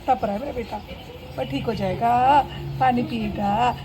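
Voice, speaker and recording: A woman's voice: fairly high pitch, moderate pace, background noise. A woman talking to her sick pet in a casual vlog, with doting baby talk. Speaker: pet vlogger. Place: outdoors and at a vet clinic.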